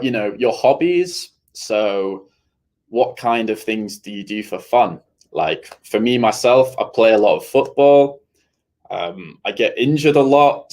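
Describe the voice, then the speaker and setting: A young man from England, a university student, talking casually to viewers in a chatty, rambling way full of "I mean" and "you know" asides. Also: medium pitch. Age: young adult.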